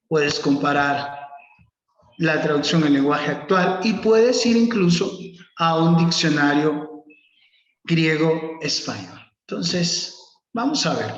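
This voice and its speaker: A man teaching a preaching workshop online, reading scripture and calling on students by name. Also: fairly high pitch. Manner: slow, instructive, calls on students by name. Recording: echoey, dull lo-fi room sound.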